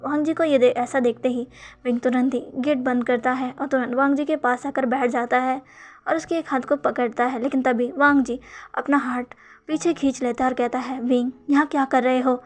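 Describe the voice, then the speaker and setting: A woman's voice: high-pitched, fairly even intonation, normal speed. A woman narrating her own fan fiction in a conversational storytelling manner, mixing in English words.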